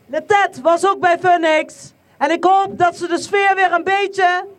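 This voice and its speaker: Rally organizer at an outdoor protest, announces speakers, very high voice. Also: fairly even intonation, a little slow.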